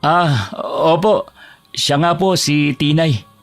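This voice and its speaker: A man's voice: on the high side, takes it slowly, soft background music. A man playing a weary fish-vendor husband. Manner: respectful with elders, exasperated with wife.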